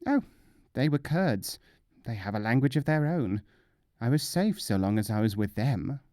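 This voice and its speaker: A man's voice: mid-range voice, expressive, normal speed, darkish tone, no room sound, clean studio sound, natural voice. A man voicing a cheerful, boastful wandering mullah in a storybook, chatty and breezily self-assured. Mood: cheerfully explaining.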